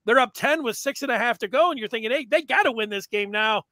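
A man in his thirties hosting a casual sports chat from home on a headset mic, talking excitedly with lots of fillers. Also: very high-pitched, fast, dry recording. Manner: excitable, rambling with many fillers. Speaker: podcast host. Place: home room with sports jerseys. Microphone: headset mic on video call.

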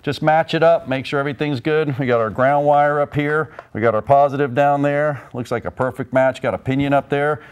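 A man's voice: medium pitch, steady tone, fairly quick, hardly any pauses, smooth. A man in his forties, a technician and instructor, giving a folksy, plain-spoken repair demonstration in a large workshop on a lapel mic. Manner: folksy, plain-spoken, explains while working.

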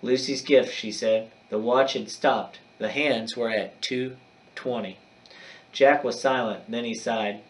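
Teacher guy reading a kids book, expressive, mic kinda far away. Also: medium pitch, slow pace. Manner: expressive, dramatic storytelling. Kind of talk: reading a chapter book aloud.

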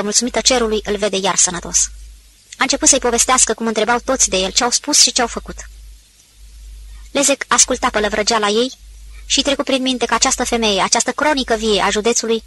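Woman audiobook narrator, bright and fairly high, steady and expressive. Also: low-quality recording.

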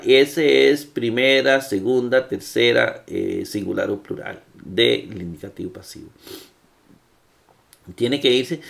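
A man's voice: medium pitch, vocal fry. A man teaching Greek grammar in a classroom lecture, patient and full of fillers. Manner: slow, patient, with many fillers and checks.

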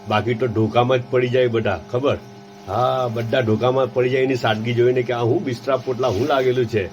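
A man's voice: medium pitch, darkish tone, a little hiss or hum. A man from Gujarat, India, talking as a religious vlogger and preaching while he films. He keeps asking his listeners "right?" as he explains. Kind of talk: preachy vlog commentary. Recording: dull, lo-fi sound with clear background ambience.

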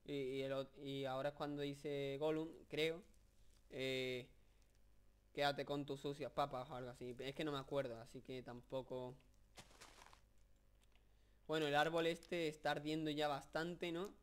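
A young man from Spain with a fairly high, smooth, clear voice talks over his video game. He rambles and jokes, keeps stopping to fill the gaps, and gets worked up over what he sees on screen. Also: measured pace. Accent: Spain Spanish. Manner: joking, rambling, excitable with many fillers. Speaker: gameplay commentator. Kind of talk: casual video game commentary.

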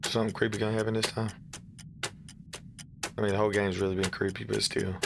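A man's voice: lowish voice, flat delivery, fast talker, creaky, over music. A man hosting a gaming video, giving casual, slangy, incredulous commentary as he plays. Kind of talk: casual let's play commentary.

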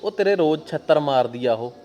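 A man's voice: fairly high pitch, expressive, a little fast, warm tone, lightly acted. An actor playing a blunt brother who mocks his sibling. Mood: mocking. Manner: mocking, blunt. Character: mocking older brother teasing his sibling.

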